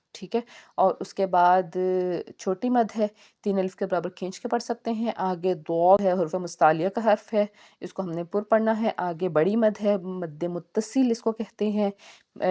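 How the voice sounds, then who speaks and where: This tajweed lesson is led by a woman whose mid-range voice carries a warm tone. She works through the recitation rules slowly, spelling every letter and vowel syllable by syllable.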